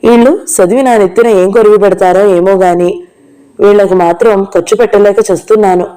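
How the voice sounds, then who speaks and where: A loud, bossy village matron who teases and grumbles about money, as a woman reading a novel puts her on. The voice is mellow and dark in tone, with an even, middling pitch. She scolds freely and sounds set in her ways. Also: fairly quick, natural voice. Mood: scolding. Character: loud teasing middle-aged village woman, thrifty mother.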